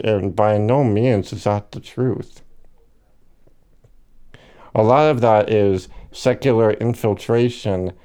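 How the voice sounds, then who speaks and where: A man talking slowly and reflectively in a personal monologue, hesitating with fillers and correcting himself, with hiccups now and then. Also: on the low side, warm tone, smooth. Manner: slow and hesitant, many fillers and self-corrections. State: has the hiccups.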